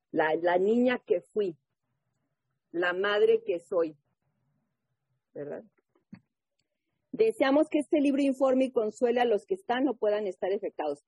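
A woman speaking at a recovery group meeting, giving her testimony and reading aloud, animated and often asking the listeners questions. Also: medium pitch, slightly rough, no room sound. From Mexico. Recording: muffled phone-like audio.

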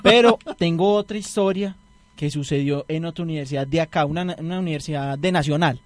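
Young male co-host, high voice, dry close mic, quick with jokes. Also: dry recording. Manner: joking, teasing. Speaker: radio show co-host. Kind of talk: casual chat.

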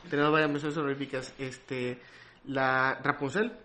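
A man with a Mexican Spanish accent, co-hosting a casual podcast chat with loud, swear-filled banter. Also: medium pitch, flat delivery, moderate pace, echoey room, slight background noise. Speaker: podcast co-host.

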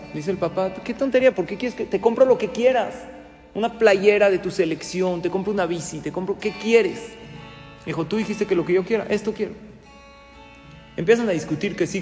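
A man telling a story as a sermon, acting out the characters' dialogue with lively emphasis. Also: high voice. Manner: animated storyteller, acts out dialogue. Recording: echoey hall with soft guitar music.

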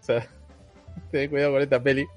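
This Rioplatense Spanish-speaking man co-hosts a podcast and rambles through a casual film review, full of slang, fillers and restarts. His medium-pitched voice stays level and runs a little fast over soft background music.

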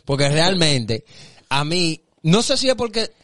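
Man, slightly high voice, dry close sound, lively storyteller, slangy. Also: a little slow, no room sound. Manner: animated storyteller, slangy, acts out quotes. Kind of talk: casual storytelling chat.

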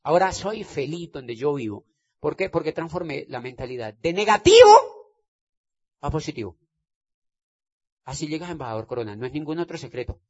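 A man giving an emphatic motivational stage talk, repeating phrases and checking that listeners understand. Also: fairly high pitch. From Colombia. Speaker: motivational speaker. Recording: dull lo-fi sound.

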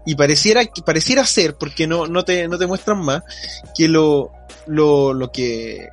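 A young Chilean man with a fairly high voice rambles through a cartoon plot in loose, slangy Spanish. Faint music sits underneath the talk. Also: a little slow. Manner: rambling storyteller, slangy, laughs while retelling. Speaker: podcast co-host. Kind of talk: casual chat.

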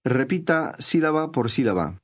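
Brief: male course narrator, patient scripted teacher delivery, mid pitch. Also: lively intonation, moderate pace. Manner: clear, patient teacher's instructions.

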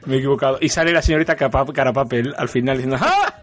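A man's voice: mid-range voice, steady tone, racing. Ironic man with a Galician accent. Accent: Galician Spanish. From Galicia, Spain. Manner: ironic, teasing. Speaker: podcast co-host. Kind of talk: casual podcast chat.

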